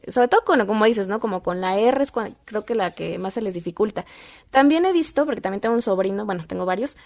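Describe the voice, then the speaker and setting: A woman, a podcast guest and mother, telling animated stories and acting out quoted dialogue. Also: medium pitch, fast talker. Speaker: guest, voice-over artist and mother. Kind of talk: casual podcast chat.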